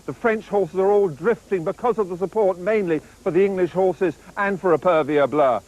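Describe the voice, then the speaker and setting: A man's voice: sits high, moderate pace, darkish tone, highs cut off. A man reporting live on the betting at a racecourse in jokey, colourful slang.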